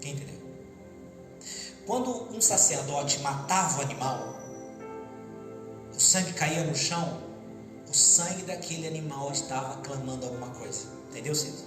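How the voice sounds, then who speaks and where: High-voiced preacher in an echoey hall. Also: male voice, moderate pace, long pauses. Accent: Brazilian Portuguese. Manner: preaching with call-and-response, acting out voices. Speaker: pastor. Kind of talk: Pentecostal sermon. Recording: echoey hall with music behind.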